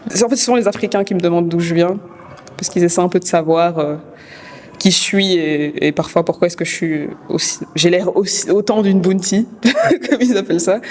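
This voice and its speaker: A young woman talking thoughtfully about herself in an interview, laughing softly now and then. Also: on the low side, brisk, in a large hall, a little hiss or hum. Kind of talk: reflective casual talk.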